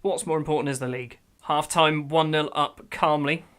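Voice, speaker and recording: A man giving let's-play commentary over a football management game, excitable, swinging from grumbling to loud outbursts. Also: a little high, normal speed, clear, resonant tone. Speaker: gaming YouTuber.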